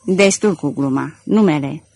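A woman reading an audiobook, voicing a curt, distrustful male magistrate with a husky voice. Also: low voice, animated, no room sound, voice pushed down. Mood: stern. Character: gruff suspicious male magistrate, curt and stern.

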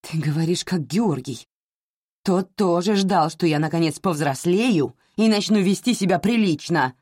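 A woman's voice: fairly low pitch, animated, normal speed, dark tone, no room sound, studio quality. A woman voicing a lovesick woman who defends her feelings in a defiant, pleading way.

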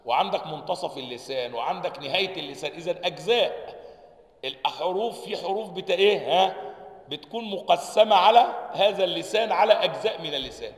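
A high-pitched man with an Egyptian accent gives a religious lesson, reading a classical text and explaining each letter's point of articulation. He sounds out the letters himself and keeps asking his listeners whether they follow. The voice rings with the long reverb of a big, echoey hall. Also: animated, fast talker. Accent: Egyptian Arabic. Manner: checks understanding with repeated questions; demonstrates letter sounds aloud. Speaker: sheikh teaching Quran sciences.

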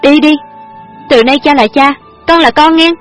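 A woman's voice: high voice, brisk, a bit bright, faint music behind, voice pushed up. A woman narrator voicing a stubborn, hot-tempered young woman in a spoken story. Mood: furious.

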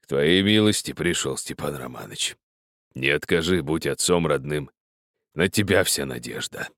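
A man voicing a pious old peasant miner who speaks slowly and gravely, preaching and pleading in an older man's voice. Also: extremely low pitch, a bit bright, no room sound, clean studio sound, pitched below the performer's own voice. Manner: slow, grave, moralizing.

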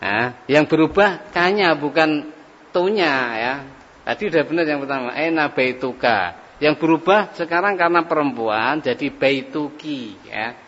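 A man leads an Arabic grammar class, stretching each phrase out slowly as he drills it. The recording is muffled and lo-fi. His voice trails off into a long hall reverb. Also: fairly high pitch, fairly bright tone. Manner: slow, drawn-out drilling of phrases. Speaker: Arabic teacher.

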